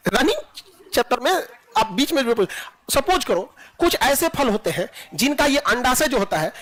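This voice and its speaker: A man's voice: very high voice, fairly bright tone. A man teaching a classroom biology lecture, joking and teasing his students and laughing often.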